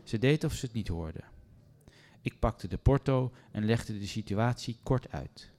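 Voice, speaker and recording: A man reading a first-person story aloud in a calm, measured way. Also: lowish voice.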